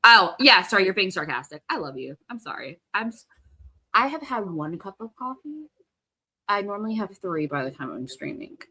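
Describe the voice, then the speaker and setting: A woman hosting a live reaction stream, chatting and laughing easily. Her pitch leaps up and down as she talks. The mood is casual and lively. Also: breathy edge. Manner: animated, chatty, quick to laugh. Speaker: livestream host.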